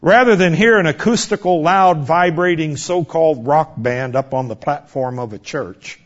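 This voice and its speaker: High-voiced emphatic preacher man, lo-fi recording. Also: normal speed. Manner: emphatic, swings from loud exhortation to hushed near-whisper. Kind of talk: sermon. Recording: dull lo-fi recording.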